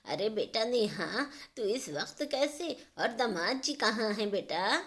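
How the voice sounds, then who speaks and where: A woman voicing a worried, firm middle-aged mother who talks slowly and scolds. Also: fairly high pitch, lively intonation, a bit bright, full character voice. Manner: slow, scolding.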